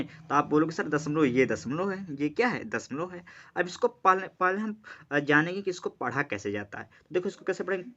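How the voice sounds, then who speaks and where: A male math teacher with a bright, forceful, fairly high voice runs a basic lesson. He asks questions, answers them himself, and repeats key words. The recording sounds dull and lo-fi. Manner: slows down to read numbers digit by digit. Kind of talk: classroom-style math lesson.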